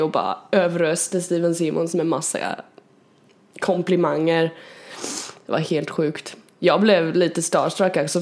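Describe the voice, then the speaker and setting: A woman co-hosting a podcast, chatting casually and telling an animated story with frequent laughter. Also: fairly low pitch. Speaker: podcast co-host.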